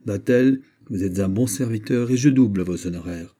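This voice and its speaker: A man's voice: on the low side, moderate pace, warm tone, lightly acted. A man voicing Fouquet, a proud nobleman. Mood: grateful. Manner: commanding, indignant. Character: proud, impassioned male nobleman, a finance minister.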